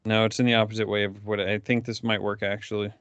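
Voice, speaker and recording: Man, low smooth voice, laid-back drawl, dry dull lo-fi sound. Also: level tone, fast talker, a bit bright, no room sound. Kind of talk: casual chat.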